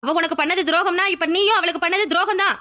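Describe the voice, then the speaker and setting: A woman's voice: very high voice, fast, bright, forceful tone. A woman voicing an outspoken young woman who confronts her friend's ex in a cartoon drama. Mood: confronting. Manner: confrontational, demanding. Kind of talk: cartoon voice acting.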